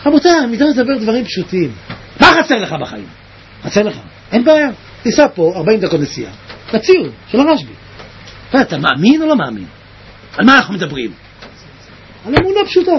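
A man giving an impassioned sermon, swinging between tearful shouts and low, quiet murmurs, with a husky voice. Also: wildly swooping pitch, lo-fi sound, slight background noise. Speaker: preacher.

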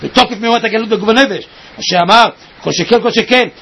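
A man giving an impassioned sermon, swinging between tearful shouts and low, quiet murmurs, with a husky voice. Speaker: preacher.

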